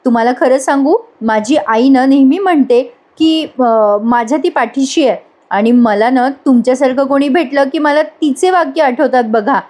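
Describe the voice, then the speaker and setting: A woman's voice: high-pitched, normal speed, a little mellow. Woman voicing a shy, hesitant young woman. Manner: hesitant, polite, stumbling with fillers. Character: shy, humble young woman, grateful and emotional.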